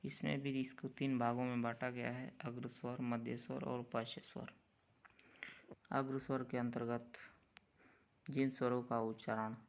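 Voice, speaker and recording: Man, teacher, grammar lesson, very slow pace, drawn-out sounds. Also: mid-range voice, gravelly, a little hiss or hum.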